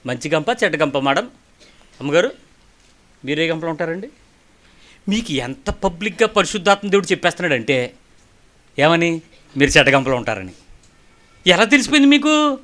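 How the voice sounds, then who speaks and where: A middle-aged man preaching a sermon with a bright, forceful tone that sits a little high. He tells stories and asks the congregation question after question, moving from quiet asides to emphatic lines. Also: big pitch swings, moderate pace, pauses often. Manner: storytelling, rhetorical questions, swings between soft and emphatic.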